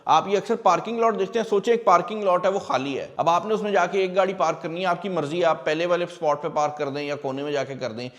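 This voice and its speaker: A man's voice: high voice, fast, hardly any pauses. A man, hosting a casual tech video and talking viewers through tips with everyday examples. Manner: chatty, addresses viewers directly, explains with everyday examples. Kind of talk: casual explainer talk. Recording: long hall reverb.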